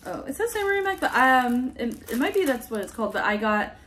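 A woman's voice: high voice, very animated, a little fast, a bit bright. A young woman chatting casually as a travel vlogger, giggly and full of fillers, unboxing toys in a hotel room. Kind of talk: casual chat.

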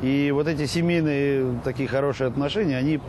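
A man's voice: mid-range voice, fairly even intonation, fairly quick. A middle-aged man speaking casually and reflectively in an interview. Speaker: reserve border guard officer being interviewed. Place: outdoor city park. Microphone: clip-on lapel mic. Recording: clear outdoor traffic and park noise.

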